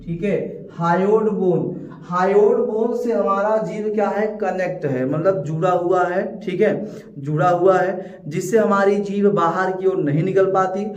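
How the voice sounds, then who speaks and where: A man's voice: high-pitched, a little mellow. A man teaching a lesson, repeating key words and asking his students rhetorical questions. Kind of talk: classroom lecture with call-and-response questions. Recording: echoey, distant, dull lo-fi sound.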